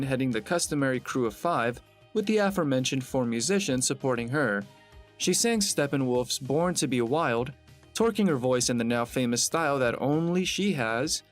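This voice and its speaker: A man giving a scripted narration in an even, steady reading voice. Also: mid-range voice.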